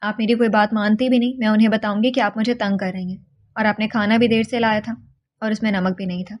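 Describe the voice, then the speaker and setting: A woman's voice: mid-range voice, steady tone, dull audio, lightly acted. A woman voicing a stubborn, frightened young woman held captive, pleading and defiant by turns.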